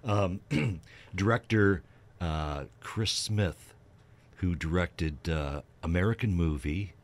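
This radio co-host is a man with a low voice who speaks slowly. He keeps the music chat casual, explaining things in a relaxed, hesitant way.

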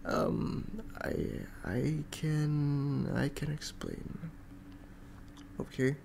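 A man's voice: on the high side, very slow, creaky, a little mellow, a little hiss or hum. A young man in an ASMR boyfriend role-play, pleading and apologizing in a coaxing way and slipping English phrases into his speech.

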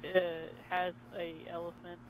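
A man's voice: high-pitched, monotone, unhurried, crowd noise. A young man co-hosting a casual gaming chat, teasing and joking, laughing often. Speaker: co-host. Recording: noisy background.

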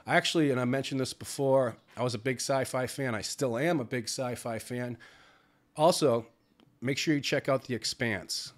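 A middle-aged American vlogger with a medium-pitched voice talks at a normal speed, sounding congested from a cold. His casual vlog chat is rambling and conversational, full of filler words.

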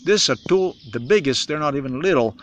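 A man in his forties from Slovenia with a Slovenian accent, speaking in a halting, repetitive, emphatic monologue to a phone camera in a forest. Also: on the high side, animated, fairly bright tone, highs cut off, a little hiss or hum. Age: 40s. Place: outdoors in a forest. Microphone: phone camera at arm's length.

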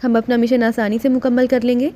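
A woman voicing a commanding female leader in an audiobook, brisk and in charge. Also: a little high, level tone, dark tone, lightly acted. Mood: pleased.

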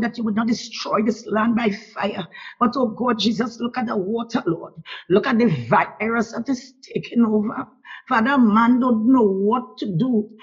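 In a fairly high, slightly rough voice, a woman from Trinidad with the local accent pleads fervently in spoken prayer. She keeps coming back to "Lord" in a steady rhythm, captured on a dull lo-fi recording.

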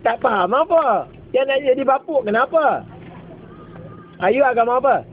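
A very high-voiced man with a Kedah accent from northern Malaysia delivers a taunting, preachy telling-off. It comes through tinny and phone-like from inside a vehicle, with some noise around him. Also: animated, normal speed. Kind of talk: mock sermon and scolding in casual street talk.

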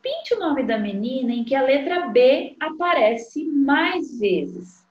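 Slow sing-song woman teacher. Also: high voice, sing-song. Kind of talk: recorded literacy lesson for young children. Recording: dull, echoey room sound.

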